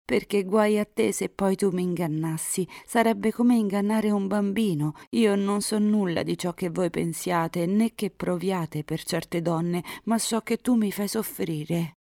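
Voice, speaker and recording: A woman's voice: normal speed, hardly any pauses, mellow, no room sound, studio quality, close to an everyday voice. A woman reading aloud, voicing a tender young woman in love who pleads earnestly. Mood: pleading. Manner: earnest, emotional, rising pitch.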